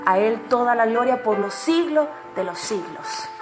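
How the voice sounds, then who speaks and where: A woman delivers a devotional message with a high voice. She speaks earnestly and exhorts her listeners, repeating key phrases for emphasis. Music plays clearly beneath her words. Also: expressive, a little slow. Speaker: preacher. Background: music playing underneath.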